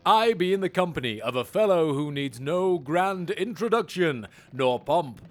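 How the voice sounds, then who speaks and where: A man's voice: fairly high pitch, animated, close to an everyday voice. A man playing a jovial old sea dog who hosts a pirate call-in show, speaking in theatrical pirate talk. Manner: theatrical pirate speech, drawn-out delivery, playful. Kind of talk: comedy skit acting.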